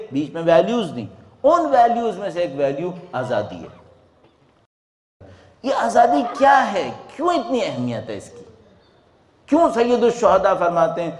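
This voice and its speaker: Man preaching in an echoey hall. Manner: dramatic rises and drops in pitch and volume, rhetorical questions. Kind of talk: religious sermon.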